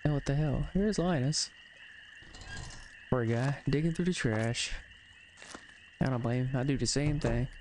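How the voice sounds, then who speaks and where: A man's voice: mid-range voice, unhurried, pauses often, a little mellow, slight background noise. A man playing a farming game and commenting casually, joking and muttering to himself, over game music. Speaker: gaming streamer.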